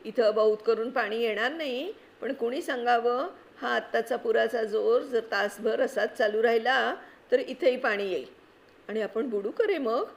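A woman's voice: fairly high pitch, normal speed, vocal fry. A woman voicing a frightened small child in a storybook reading, anxious and questioning.

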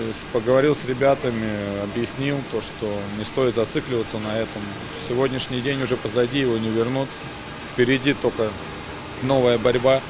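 Man coaching hockey, interviewed in noisy rink. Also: mid-range voice. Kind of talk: post-match interview. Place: indoor ice rink. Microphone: handheld interview microphone. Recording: noisy ice rink ambience.

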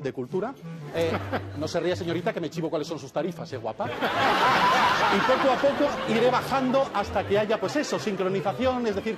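A man performing a stand-up routine on a TV show in a mock-lecturing, teasing manner, jumping into high voices for the characters in his jokes. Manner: mock-pompous, teasing the audience, acts out joke characters with sudden high voices. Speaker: stand-up comedian on a TV game show. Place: television studio before a live audience. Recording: TV studio with loud crowd and music. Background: audience laughter and applause, music.

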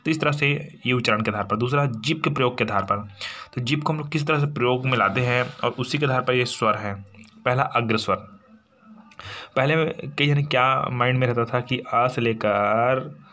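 A man's voice: medium pitch, moderate pace, sharp tone. A man from India teaching an exam-prep lesson, explaining step by step and answering his own questions, with frequent tag questions.

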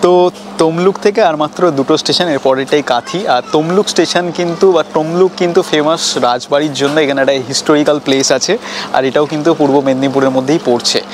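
A man's voice: on the high side, fairly quick. A young man from West Bengal giving a chatty, informative travel vlog aboard a train, talking straight to his viewers. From West Bengal, India. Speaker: travel vlogger. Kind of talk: casual travel vlog narration. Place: inside a moving train and on station platforms. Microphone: clip-on lapel mic, selfie camera at arm's length. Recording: loud train and outdoor noise.

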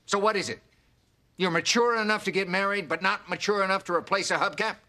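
An actor playing a gruff middle-aged father who talks bluntly and scolds. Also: high voice, fairly quick, sharp tone. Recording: noisy sitcom TV audio.

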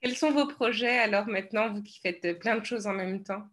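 A woman journalist asking interview questions in a hesitant, halting way. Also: medium pitch, fairly bright tone.

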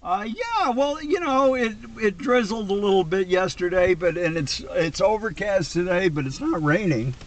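On a road trip with his old Marine friends, a man in his seventies vlogs and joins a conference call from the car, chatting in a rambling, salty way. His high voice is animated, at a normal speed with few pauses, and the camcorder picks up plenty of car noise.

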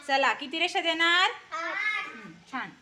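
High-voiced woman teacher, noisy classroom. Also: sing-song, slow. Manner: coaxing and praising, urging children to speak loudly. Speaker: primary school teacher. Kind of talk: classroom lesson with young children.

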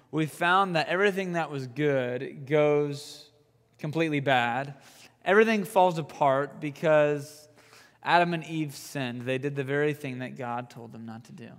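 Animated young male youth pastor in a hall. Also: on the high side, moderate pace. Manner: animated, joking storyteller with fillers. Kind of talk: youth sermon. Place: youth group room.

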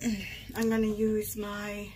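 A vlogger in her forties films her makeup routine in her bedroom, chatting, poking fun at herself, and narrating each step. Her mid-range voice is monotone and slow, and the background is noisy.

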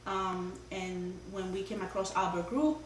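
Speaking slowly at medium pitch in a steady tone, a middle-aged woman gives a casual homeowner's testimonial from her dining room, earnestly telling a long story full of fillers. The sound comes from a distant camera, roomy and with a faint hum.

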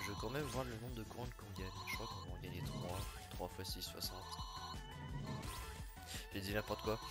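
A young man giving casual, excitable commentary over his own gameplay, chatty and cheering himself on. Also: on the low side. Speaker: gaming video creator. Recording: music playing under the voice.

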